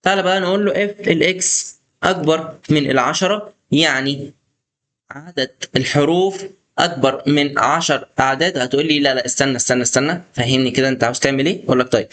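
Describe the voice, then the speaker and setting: A man's voice: fairly high pitch, a bit bright. A young man with an Egyptian Arabic accent teaching a coding lesson in a chatty, coaxing way, often talking straight to the viewer. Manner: chatty, coaxing, addresses viewer as "boss" and "star". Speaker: programming instructor. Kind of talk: screen-recorded coding tutorial.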